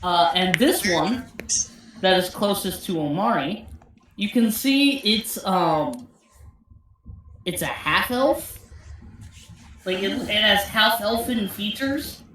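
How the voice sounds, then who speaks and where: A woman game master narrating a tabletop game off the cuff, halting as she searches for words. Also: mid-range voice, expressive, a bit bright. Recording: very echoey with faint noise.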